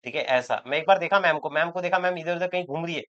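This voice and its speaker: A man's voice: a little high, quick pace, fairly bright tone, highs cut off. A man teaching chemistry in an online lecture, chatty and joking with students, repeating words for emphasis. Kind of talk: online exam-prep lecture.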